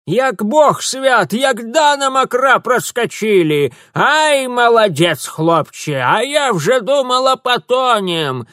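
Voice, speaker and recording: A male narrator voicing a fierce, toothless old village woman who yells orders in a mix of Ukrainian and Russian. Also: huge pitch swings, slow pace, few pauses, no echo, clean studio sound, heavily acted. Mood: triumphant. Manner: shrill yelling in mixed Ukrainian-Russian speech.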